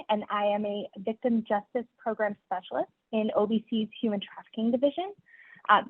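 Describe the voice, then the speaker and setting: A woman's voice: mid-range voice, dry recording. Woman presenter on a phone-like line. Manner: friendly, with frequent "um"s. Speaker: program specialist presenter. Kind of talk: scripted webinar introduction. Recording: dry, phone-like call audio.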